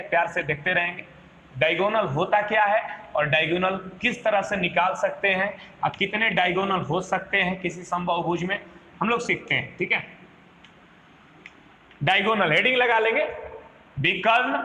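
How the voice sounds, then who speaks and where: A man with a Bihari Hindi accent teaches a maths class in a chatty style, repeating his points and asking students questions. His voice is very high and bright. The echoey room carries a faint hiss of background noise. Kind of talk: classroom lecture.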